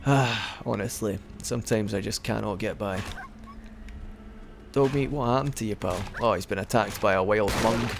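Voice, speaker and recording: A man's voice: on the low side, unhurried, vocal fry, background noise. A young man giving rambling, casual commentary over a game he is playing, hiccuping now and then. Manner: chatty and rambling, with frequent restarts. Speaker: let's play commentator.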